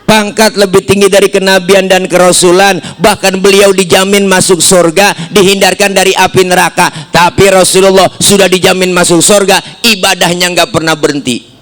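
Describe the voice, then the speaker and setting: Funny preacher guy, bit of a high voice, cracking jokes at the ladies in the crowd. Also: level tone, moderate pace, few pauses, soft background music. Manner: jokey, talks straight to the women in the crowd, drops low and quiet for asides. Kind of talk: comic sermon to a village audience. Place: live religious gathering in a village.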